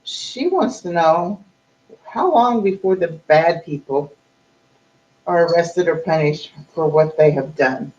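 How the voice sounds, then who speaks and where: A woman's voice: on the low side, animated, slow, darkish tone. A woman casually reading out audience questions in a question and answer session, on a muffled recording. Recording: dull, muffled lo-fi sound.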